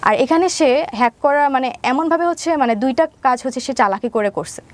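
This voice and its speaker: A young woman, Bangladeshi-accented and high-pitched, speaks briskly while giving a personal account in an interview, weaving English words through her speech.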